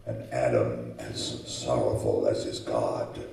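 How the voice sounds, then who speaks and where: Frankenstein's monster, extremely deep and gravelly. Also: male voice, steady tone, warm tone, full character voice. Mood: grave, mournful. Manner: slow, grave, portentous. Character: sorrowful male man-made monster, tender yet menacing. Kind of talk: old-time radio drama acting. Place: live on stage in a community hall. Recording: echoey hall, distant mic.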